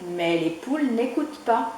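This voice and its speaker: Slow soft lady reading a kids' book, big echo, faint hum behind. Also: on the high side, expressive. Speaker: librarian reading to children. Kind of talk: children's storybook reading. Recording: echoey room.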